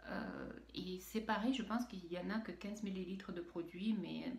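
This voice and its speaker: Speaking at a moderate pace, the Russian-accented beauty vlogger sounds creaky and a little mellow at a medium pitch while she unboxes products. Her chat is hesitant, with many fillers and restarts, and the audio is roomy with a faint hiss or hum.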